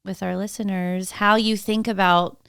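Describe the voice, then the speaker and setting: Enthusiastic woman podcast host, mid pitch, crisp dry voice. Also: little pitch movement, normal speed, fairly bright tone, no room sound. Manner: upbeat, enthusiastic. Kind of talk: interview host, casual chat.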